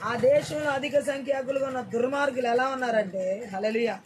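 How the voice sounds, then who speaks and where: A high-voiced preacher drives a fervent church sermon. The preacher repeats lines and keeps demanding loud amens. Steady noise sits under the recording. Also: fast.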